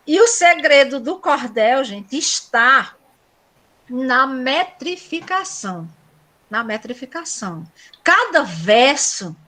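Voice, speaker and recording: A woman's voice: high voice, fairly bright tone. A middle-aged woman teaching a cordel poetry workshop, reciting verses in a lilting way and explaining meter with frequent "né?" asides.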